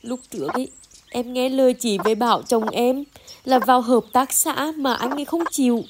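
A worried, pleading village wife in a rural skit, acted by a woman. Her voice sits high and earnest. The recording is noisy. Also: normal speed, lightly acted.

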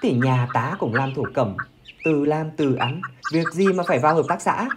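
A man playing a stubborn, proud poor village husband who talks gruffly and dismissively and is quick to shout. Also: a little high, background noise, lightly acted. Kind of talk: amateur village skit acting.

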